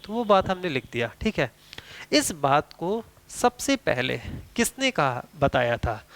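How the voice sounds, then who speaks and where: A male teacher gives an exam-prep biology lecture, his voice a little high and smooth. He keeps asking his class questions and answering them himself. He slows down to stress technical terms and keeps checking in with "theek hai". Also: fairly bright tone. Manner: mixes Hindi with English terms, repeats "theek hai".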